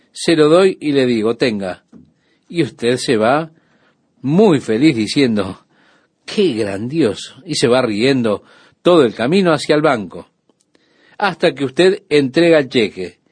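A man delivers a radio sermon in an unhurried, measured way, pausing often between phrases. His mid-pitched voice has a slight huskiness to it. The sound is close and dry, with no room echo. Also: husky. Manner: calm, measured preaching with frequent pauses. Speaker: radio Bible teacher.

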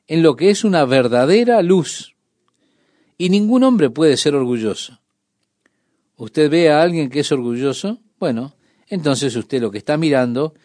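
A man preaching a sermon on the radio, speaking in a measured, emphatic way and addressing the listener directly. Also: on the high side, a little mellow, dry recording, clean studio sound.

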